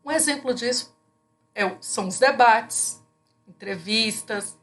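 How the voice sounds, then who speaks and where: A woman, giving a recorded class lecture in an explanatory way, often pausing on fillers and restarting her sentences. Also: a little high, fairly bright tone, soft background music. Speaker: teacher.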